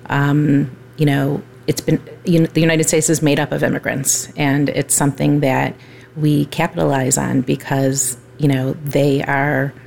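A woman's voice: deep voice, flat delivery, measured pace, vocal fry, darkish tone, a little hiss or hum. A woman in her fifties, a mayor on a discussion panel, speaking steadily with frequent ums. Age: 50s. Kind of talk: casual discussion.

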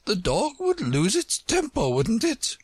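An imperious storybook queen, pitched extremely high and swooping through her words. She is contrary and pompous, scolding with heavy emphasis. The voice has a dry, close sound. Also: wildly swooping pitch, measured pace, husky, no room sound, full character voice. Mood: triumphant. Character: imperious, contrary Red Queen, a chess-piece woman.

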